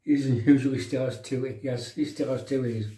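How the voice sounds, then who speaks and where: Middle-aged male livestream host, County Durham accent, soft mellow tone, matey banter, recorded in a roomy bathroom away from the mic. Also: mid-range voice, steady tone, moderate pace. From County Durham, England. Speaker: livestream host of a shaving show. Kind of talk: casual live chat with viewers while demonstrating shaving. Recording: roomy bathroom echo, distant microphone.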